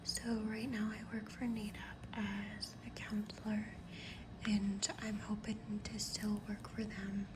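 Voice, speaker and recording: Slow, whispering woman doing ASMR chit-chat. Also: medium pitch, flat delivery. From Mohawk First Nation reserve in North America. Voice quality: soft, breathy whisper. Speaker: ASMR creator. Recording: clear background noise, pencil drawing sounds. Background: writing or drawing sounds, ambient noise.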